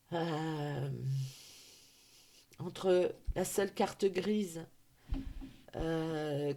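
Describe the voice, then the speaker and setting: A woman gives an intuitive oracle card reading in an unhurried, halting way. Her voice is mellow and warm, and she speaks gently and affectionately to her viewers. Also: lowish voice. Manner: slow, hesitant, with many fillers. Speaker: intuitive card reader and hypnotherapist.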